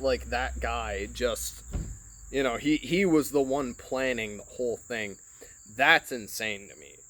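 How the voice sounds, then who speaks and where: Recorded on his phone, this Michigan man hosts a podcast in a casual, rambling, profane monologue heavy on filler words like "like" and "you know." His medium-pitched voice has a fairly bright tone, with slight background noise.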